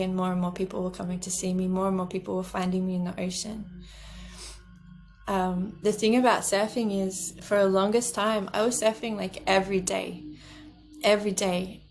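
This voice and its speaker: A woman hosting her own podcast, telling a personal story in an earnest, gentle way and laughing softly between phrases. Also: mid-range voice. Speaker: podcast host. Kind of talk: reflective personal storytelling monologue.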